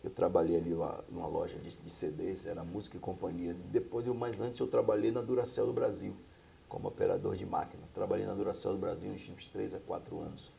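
The guest, a pastor and singer from Bahia in middle age, earnestly narrates his life story in a small studio, peppering it with tag questions. Low, mellow and fry-laden, his voice comes out fast and flat, over a little hiss or hum.

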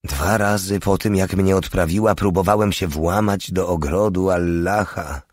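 A man's voice: low voice, fairly even intonation, normal speed, a little mellow, no echo, studio quality. A man voicing a bitter legionnaire who growls, boasts and sneers at women. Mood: scornful, brooding. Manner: scornful, growling.

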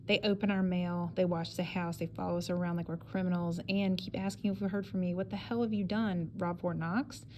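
A woman's voice: lowish voice, fairly even intonation, a little fast, few pauses, a little mellow, slight background noise, natural voice. A woman reading as a blustering, scolding father. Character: angry middle-aged father scolding his runaway son.

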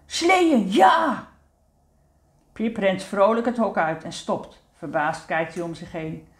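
A woman narrating a children's story in a gentle, unhurried way. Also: fairly low pitch, echoey room. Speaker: storybook reader.

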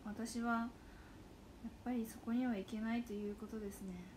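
There's background noise as a young livestream host, in her twenties and speaking with a Hakata accent, casually and animatedly chats with viewers while going through their comments. Her voice is a little high, fairly even in intonation, and moderately paced.

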